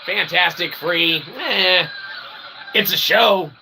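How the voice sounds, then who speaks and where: On his rambling, comedic livestream, the host plays a self-mocking showman, keeps adding little questioning tags such as "okay?" and "eh?", and speaks slowly in a high, creaky voice over a noisy background.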